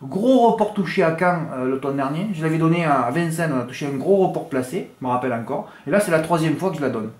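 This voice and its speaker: A man's voice: quick pace, hardly any pauses, roomy sound. A man giving horse racing tips in a casual monologue, joking crudely and swinging his voice up and down. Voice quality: has a noticeable accent others laugh at. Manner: animated, crude joking, big swings in pitch and loudness.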